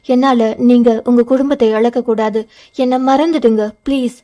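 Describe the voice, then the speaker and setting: A woman's voice: fairly high pitch, steady tone, moderate pace, dark tone, lightly acted. A woman voicing a guarded young woman in an audio novel, speaking tightly and insistently. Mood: pleading. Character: young woman, guarded, pained hostel student. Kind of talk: audio novel character reading.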